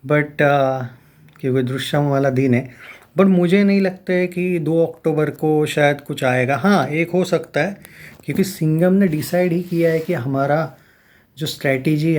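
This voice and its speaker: A young man talks through film news in a loose, rambling way, stopping and restarting with plenty of fillers. His voice sits a little high but sounds mellow and soft. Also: normal speed. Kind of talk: casual film commentary.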